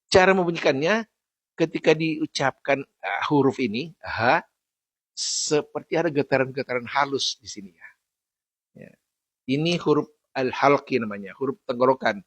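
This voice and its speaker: A man teaching Quran recitation, chanting verses slowly and patiently repeating each sound to correct common mistakes. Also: medium pitch, dry recording.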